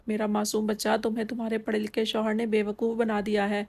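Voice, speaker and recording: A woman's voice: medium pitch, monotone, a little mellow, natural voice. A woman voicing a mischievous young woman who talks in a playful, teasing way.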